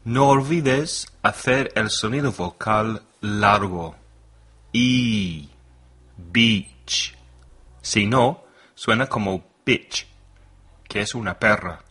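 A male podcast host teaching English vocabulary in slow, carefully spaced drills. His voice is slightly low and husky yet bright in tone, and faint music sits underneath. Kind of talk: bilingual language lesson podcast.

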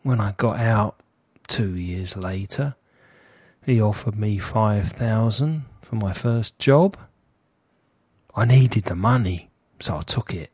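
A man playing an anonymous professional hitman in a scripted monologue, matter-of-fact and deliberate, with a disguised deep voice. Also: a little mellow, slightly rough, no room sound. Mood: guarded, matter-of-fact. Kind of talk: scripted first-person monologue.

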